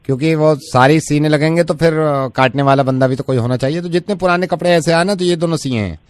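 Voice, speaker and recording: A man's voice: fairly high pitch, fast, clean tone, no room sound. A man hosting a radio prank call, playfully feigning innocence and sprinkling in English phrases.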